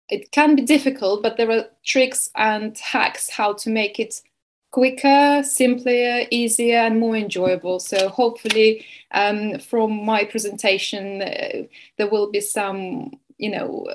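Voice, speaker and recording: Woman, nutrition advisor guest, unhurried and halting, filler words throughout. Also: mid-range voice. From Estonia. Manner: hesitant, many fillers. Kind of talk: webinar interview.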